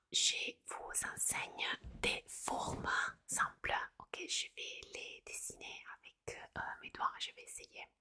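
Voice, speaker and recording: A woman giving a whispered ASMR lesson into a close microphone, softly repeating each word twice, with hesitant fillers and small self-corrections. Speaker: ASMR creator teaching words.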